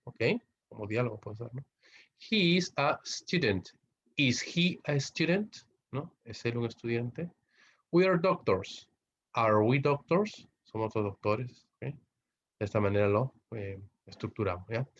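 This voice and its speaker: Man in a recorded online lesson, Peruvian Spanish accent, mid-pitched, steady explainer, muffled lo-fi audio. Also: slightly rough. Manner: explains slowly with tag questions. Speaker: English teacher. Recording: dull lo-fi recording.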